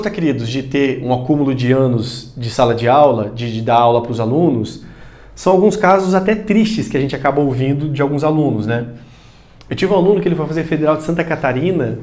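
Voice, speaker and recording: A man's voice: on the high side, a little mellow. A man teaching a recorded grammar lesson, talking straight to the student and repeating the key points.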